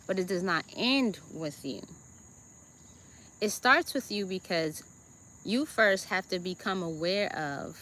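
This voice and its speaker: A woman with a Jamaican accent gives a deliberate self-help talk as host, often checking in with her listeners with "okay?" and "right?". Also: on the low side, pushed and bright.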